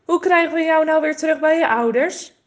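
A woman voicing a kind, friendly male forest ranger in a storybook, speaking slowly and soothingly. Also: high-pitched, voice pushed up. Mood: kindly. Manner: slow, kindly, soothing.

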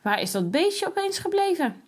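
A woman's voice: very high voice, very animated, moderate pace, voice pushed up. A woman voicing a young schoolboy, curious and tender-hearted, who asks things in astonished exclamations.

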